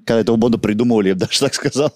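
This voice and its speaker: A man's voice: fairly low pitch, very fast, dark tone, no room sound, clean studio sound. A man co-hosting a podcast, talking casually about films. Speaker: podcast co-host. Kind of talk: casual film chat.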